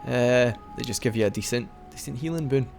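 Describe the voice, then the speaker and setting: With faint music behind him, a young let's play commentator speaks fairly quickly in a creaky, medium-pitched voice with a darkish tone. His commentary on the game is casual and rambling, chatty, full of restarts, and broken by the odd hiccup.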